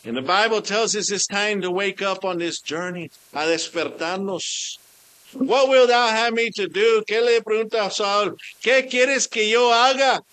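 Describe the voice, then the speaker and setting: A man's voice: high-pitched, fairly bright tone, no room sound. A man preaching a sermon, switching between Spanish and English and stopping to hunt for the right word. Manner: mixes Spanish and English, pausing to search for words. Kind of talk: bilingual sermon.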